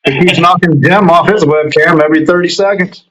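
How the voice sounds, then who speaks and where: A man with a fairly high voice hosts a casual podcast, firing off brisk questions and light jokes. He comes through a webcam on a video call. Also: a bit bright, poor audio. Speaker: podcast host. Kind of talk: interview questions.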